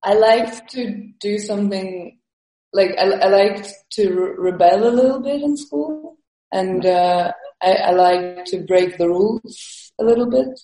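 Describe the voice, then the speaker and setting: A woman from Estonia answers interview questions slowly and hesitantly, with a mellow, dark tone. Her voice echoes in the room, and faint music sits behind her. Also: medium pitch. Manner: hesitant, with restarts and laughs. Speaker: guest. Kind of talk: casual interview.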